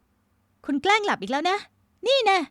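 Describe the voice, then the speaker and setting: A woman voicing a tough but loving young female navy lieutenant in an audiobook romance, speaking softly and high. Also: moderate pace, dry recording, close to an everyday voice. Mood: scolding. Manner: soft and high, breaking when dying.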